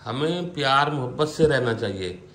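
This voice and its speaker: A man with a mid-range, fairly bright voice films a family vlog at home on a phone held at arm's length, moving through the kitchen and other rooms. He speaks at a moderate pace with lively intonation, chatting casually, playfully and bantering with his wife. The handheld home recording is noisy.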